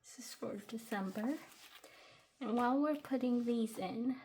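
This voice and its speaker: A young woman in her twenties talks through a budgeting tutorial at an unhurried, slow pace, sounding a little short of breath. She chats casually, with fillers and restarts. Faint background noise and small clicks sit under her voice. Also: a little high, dark tone. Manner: chatty, hesitant with fillers and restarts. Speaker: budgeting vlogger.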